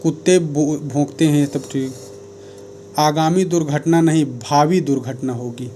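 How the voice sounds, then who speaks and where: Man, mellow and fairly high voice, steady teacher correcting sentences, faint noise behind. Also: measured pace. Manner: methodical, corrects sentences one by one. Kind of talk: grammar lesson.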